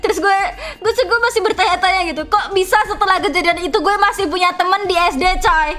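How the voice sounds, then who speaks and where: A woman, streaming as a VTuber and telling a story in an animated, dramatic, slangy way. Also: extremely high pitch, fast talker, faint music behind. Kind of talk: casual livestream storytelling.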